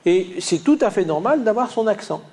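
A man lecturing a class in a somewhat high yet mellow voice, with a light Lyonnais accent. He stops and starts often, filling gaps with hesitant sounds. He talks the listeners through slides. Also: animated, fairly quick. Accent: Lyonnais French, slight. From Lyon, France. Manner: hesitant, many "euh" fillers and restarts.

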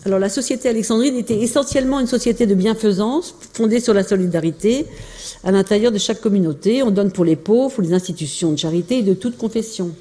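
A woman's voice: mid-range voice, fast talker, dark tone. Hesitant woman lecturing in a reverberant hall. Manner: hesitant, many fillers and restarts. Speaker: lecturer presenting family archives. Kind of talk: informal illustrated talk.

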